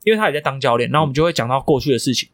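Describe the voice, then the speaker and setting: A man's voice: medium pitch, lively intonation, very fast, fairly bright tone, no room sound. A young man, a coach co-hosting a podcast, telling stories emphatically and swearing freely. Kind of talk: casual podcast chat.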